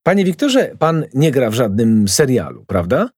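A nosy, effusive neighbour lady in an audiobook, put on by a male reader. She gushes and gets excited easily, her voice lifted higher and swooping all over. The sound is close and dry, with a slightly husky edge. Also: normal speed, dry recording. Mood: chatty. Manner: gushing, excitable.

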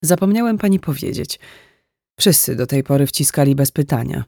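Man voicing a gentle, gravelly older motel owner. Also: on the high side, lively intonation, normal speed, dry recording, clean studio sound. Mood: kind. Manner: soft, hesitant, patient.

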